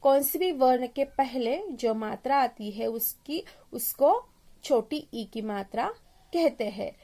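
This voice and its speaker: A woman teaching a children's lesson, her voice set quite high. She speaks very slowly and sounds out each syllable one at a time, speaking straight to the children as she goes. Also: animated, dark tone. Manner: addresses the children directly.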